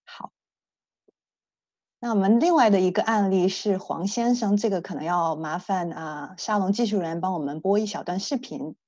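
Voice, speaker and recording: A woman's voice: medium pitch, normal speed, darkish tone, dry recording. A woman speech therapist, a native Chinese speaker, giving an earnest, explanatory online lecture with frequent hesitations. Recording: dull, dry lo-fi sound.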